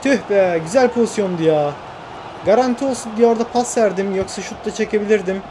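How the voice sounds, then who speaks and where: A young man narrating his football video game career, talking to himself and shouting at the play. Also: high voice, fast talker, noisy background. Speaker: gaming YouTuber. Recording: game music clearly under the voice.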